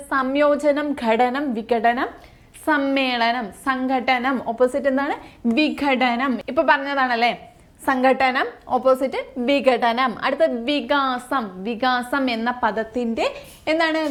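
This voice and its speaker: Woman, Malayali accent, fairly high voice; exam-coaching teacher, methodical and repetitive. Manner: repeats each answer, lifts pitch to announce each new word. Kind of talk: exam-prep grammar lesson.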